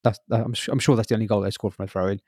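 A man's voice: on the low side, fairly even intonation, racing, a little mellow, no echo, studio quality. A man hosting a casual podcast chat, jokey and laughing often as he runs the segment. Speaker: podcast host.

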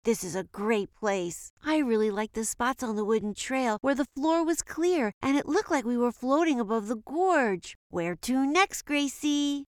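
A woman's voice: on the high side, lively intonation, a little slow, hardly any pauses, no room sound, clean studio sound. A woman voicing an eager, chatty young girl traveller in a children's educational show, with broad singsong children's theatre delivery and easy amazement. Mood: excited, amazed.

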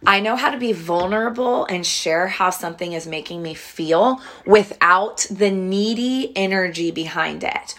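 A woman's voice: mid-range voice, measured pace, few pauses, a bit bright. A woman hosting as a relationship coach, emphatic and affirming, speaking in a teaching tone. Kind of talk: coaching conversation.

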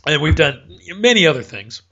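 A man's voice: on the high side, sing-song, normal speed, sharp tone, breathy edge, highs cut off. A man hosting a casual sports chat, rambling and correcting himself as he talks, with hiccups. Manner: rambling, self-correcting, chatty. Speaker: podcast host.

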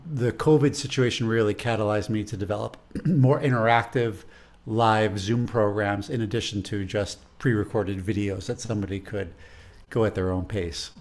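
A man with a Chicago accent speaks in a low, gravelly register. He sounds thoughtful as he teaches and explains music in a relaxed interview. His talk meanders, with repeated words while he thinks.

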